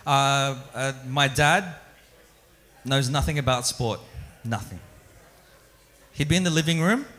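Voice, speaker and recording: Performing a live stand-up set into a stage mic before an audience, a young man born in the Philippines and raised in Australia keeps things loose and self-deprecating, stumbling and restarting along the way. His medium-pitched voice is pushed and bright, at a measured pace.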